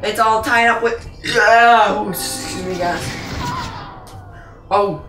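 A woman's voice: mid-range voice, steady tone, takes it slowly, reverberant, far from the mic, music in the background. A woman hosting a gaming channel, giving playful, rambling commentary on a VR game and playing announcer for herself.

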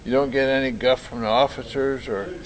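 A man in his nineties, born in Japan, telling stories in a halting, rambling way with many fillers and restarts, recorded by a camera across a table in a large lounge. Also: medium pitch, steady tone, crowd noise, poor audio. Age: 90s. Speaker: interviewee. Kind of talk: casual storytelling. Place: large bright lounge, indoors.

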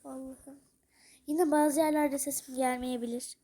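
A woman's voice: sits high, steady tone, unhurried, warm tone. A woman casually commenting while playing a mobile game, chatty and gushing over new items, sometimes talking to her character. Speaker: gaming YouTuber.

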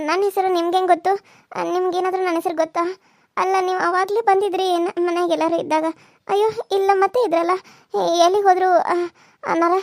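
A woman's voice: extremely high pitch, dry recording, clean studio sound. A woman voicing a distressed young village wife in a cartoon serial, pleading and tearful. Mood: confused. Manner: pleading, tearful, fast and pressing.

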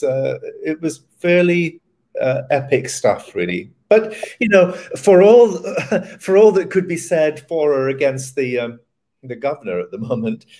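An older man speaks from his home over a webcam. His talk is relaxed and reflective, with a wry chuckle now and then, like a guest being interviewed. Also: mid-range voice. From Scotland. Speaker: theatre director guest. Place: home room indoors. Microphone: webcam on video call.

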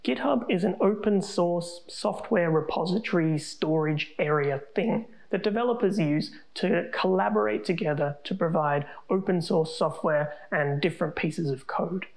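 A woman hosting a tech tutorial, narrating a screen recording with calm, step-by-step instructions. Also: fairly low pitch, moderate pace, creaky, few pauses, poor audio.

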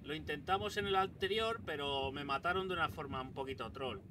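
High-voiced excitable Spanish gamer. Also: male voice, fairly quick, recorded from a distance, noisy background. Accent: Spain Spanish. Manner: excitable, swears and shouts at the game. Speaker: gaming YouTuber. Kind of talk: let's play commentary.

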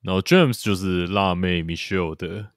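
A man with a low-pitched voice, talking at normal speed, co-hosts a podcast where he rambles casually about a TV series. His speech is loose, full of fillers and repeated agreement. It has clean studio sound and no room sound.

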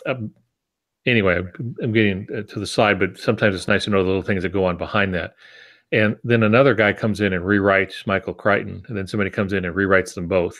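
He's an American man in his sixties, a writing teacher who co-hosts a podcast, speaking fast in a low, fairly bright voice with a steady tone. The lesson is informal, with asides, delivered on a video call from his home office through wired earbuds.

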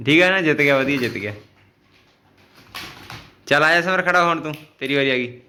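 A man's voice: on the high side, a little fast, sharp tone, slight background noise. A man hosting a casual family vlog, calling out items in a game and coaxing the children with repeated phrases. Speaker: vlogger running a family game.

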